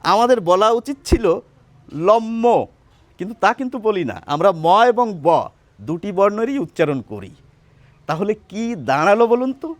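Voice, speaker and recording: A man's voice: high-pitched, very animated, fairly quick, no echo. A man teaching a pronunciation lesson, patiently explaining and asking his listeners questions, then answering them himself.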